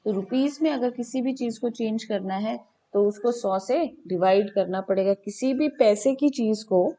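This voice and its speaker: A woman with a warm, fairly high voice teaches maths over an online video call at a normal speed. She checks in with "ठीक है" after nearly every step, blends Hindi and English, and answers her own questions.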